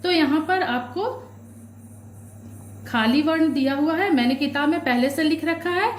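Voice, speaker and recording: Woman, young-children's teacher, patient, repeats herself, high voice, roomy echo, faint hum. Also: measured pace. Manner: patient, repeats and asks questions she answers herself. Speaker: primary school teacher. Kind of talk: workbook lesson for children.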